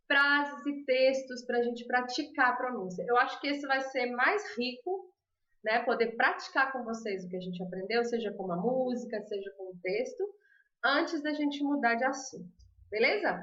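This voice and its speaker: A woman's voice: sits high, animated, normal speed, a bit bright. A woman with a Brazilian accent teaching Spanish pronunciation in a casual live stream, chatty and laughing often, reading viewer comments aloud. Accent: Brazilian Portuguese. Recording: roomy, slightly dull live-stream audio.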